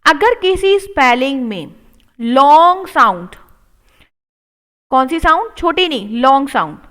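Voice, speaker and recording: An Indian woman teaching English spelling, slowly repeating each word twice and encouraging her students. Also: high-pitched, big pitch swings, pushed and bright. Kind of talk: spelling and reading lesson.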